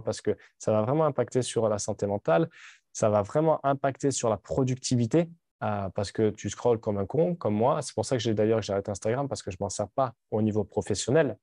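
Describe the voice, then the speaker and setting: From his home in Dubai, a vlogger in his late thirties speaks to camera in a frank, casual ramble, full of restarts and offhand swearing. His voice is medium-pitched and dark, and the recording is dry with clean studio sound.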